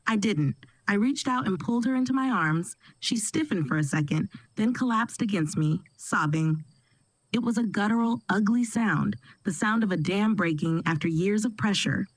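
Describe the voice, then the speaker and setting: A woman narrating a first-person family drama in a steady, dramatic storytelling manner. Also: mid-range voice, normal speed, dry recording, poor audio.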